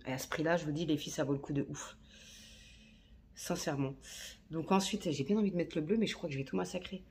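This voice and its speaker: A woman's voice: sits low, quick pace, darkish tone, a little hiss or hum. A woman chatting casually while filming a makeup tutorial on her phone, slangy and talking to herself as she works. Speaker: beauty vlogger. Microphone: phone camera.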